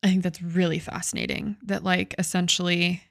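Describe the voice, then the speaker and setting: Casting: young woman, lowish voice, loose chatty podcast host, swears, dry booth sound. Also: little pitch movement, moderate pace, gravelly, no echo. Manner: casual, swears, many "like" fillers. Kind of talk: casual storytelling chat.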